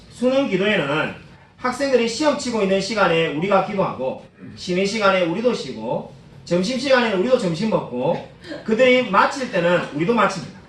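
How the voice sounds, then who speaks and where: A male pastor delivers a sermon in a fairly high voice that climbs and falls with lively swings. He speaks earnestly and directly to his congregation. The sound comes from some way off the mic and rings around a roomy church hall. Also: distant mic. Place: church sanctuary.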